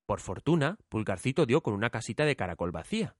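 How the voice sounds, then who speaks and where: Guy narrating a fairy tale, expressive, lots of pitch movement, dry sound. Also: quick pace, dry recording. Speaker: storyteller.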